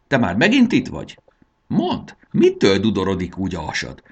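A man voicing a bossy, strict schoolgirl who talks in a scolding, sharp-tongued way. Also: low-pitched, wildly swooping pitch, husky, highs cut off, exaggerated voice. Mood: suspicious.

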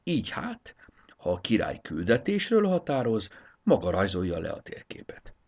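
A man reading a children's storybook aloud in an expressive, measured way. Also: lowish voice. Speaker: narrator. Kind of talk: storybook narration.

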